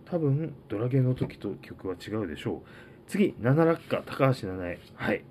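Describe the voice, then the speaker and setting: A man hosting a casual solo talk, reading out items one by one and musing about each with many fillers and pauses. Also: medium pitch, big pitch swings, darkish tone, slight background noise. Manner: rambling, filler-heavy, reads out list items. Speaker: podcast host.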